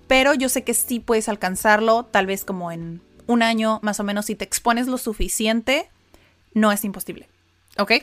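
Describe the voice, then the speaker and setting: A woman's voice: medium pitch, fairly bright tone. Chatty woman teacher, laughs often. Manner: chatty, laughs often, repeats words for drilling. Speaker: English teacher and podcast host. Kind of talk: casual reaction lesson.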